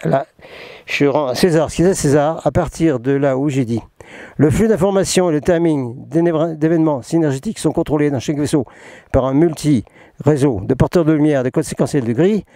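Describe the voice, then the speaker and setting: A talkative man who rambles, restarts and pokes fun at himself as he reads and comments. His voice sits slightly high yet sounds mellow and soft-edged. The recording is close and dry, with no room around it. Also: fairly quick, dry recording. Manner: jokey, self-mocking, rambling with many restarts. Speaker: spiritual channeler hosting a talk. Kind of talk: casual spoken talk mixing reading and asides.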